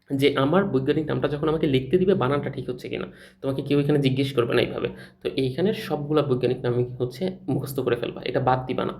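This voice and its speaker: A young man delivers a recorded lecture over slides at a rapid clip. His voice is mellow and a little raised in pitch. He talks in a loose, colloquial way, posing questions and answering them himself. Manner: fast, colloquial explaining, asks and answers own questions. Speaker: teacher.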